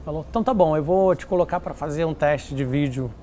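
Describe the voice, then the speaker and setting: A man telling stories in an interview, lively and acting out what others said. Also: fairly high pitch, fast talker, a little hiss or hum. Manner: animated, acts out quoted voices. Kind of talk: casual storytelling interview.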